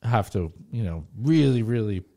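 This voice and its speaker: A man's voice: fairly low pitch, expressive, moderate pace, warm tone. A male interviewer asking casual questions in an easygoing way and laughing often.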